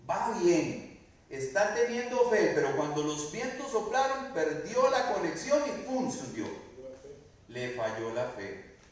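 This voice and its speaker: A man's voice: sits high, sing-song, measured pace. A male pastor preaches a sermon, asking the congregation questions and acting out quoted lines. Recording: very echoey room, mic at a distance.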